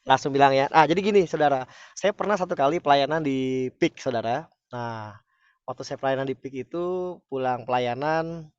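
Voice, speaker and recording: A man preacher telling a testimony to an online congregation, animated and often calling out to his listeners. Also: mid-range voice, moderate pace, smooth, no echo, highs cut off. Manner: animated, frequent "saudara" addresses, rising excitement. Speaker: preacher leading an online fellowship.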